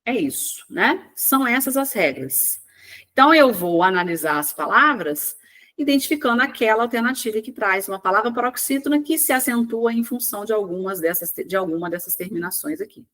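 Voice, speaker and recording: A woman's voice: a little high, animated, fairly bright tone. Woman teaching, step by step. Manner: explains step by step, asks and answers her own questions; stretches key words slowly to spell them out. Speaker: Portuguese teacher. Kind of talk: online exam-prep lesson.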